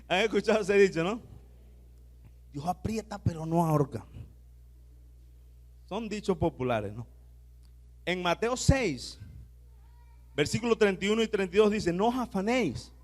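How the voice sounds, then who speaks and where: High-voiced male pastor preaching. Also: expressive, measured pace, pauses often. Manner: exhorting, has the congregation repeat phrases aloud; shifts between soft asides and loud declarations. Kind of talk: sermon with call-and-response.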